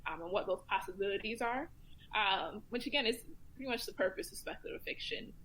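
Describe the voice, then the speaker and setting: As a guest commentator on a casual round-table discussion, a woman talks in a relaxed, chatty way full of ums and likes. She speaks fast in a husky, medium-pitched voice, and the recording is rough.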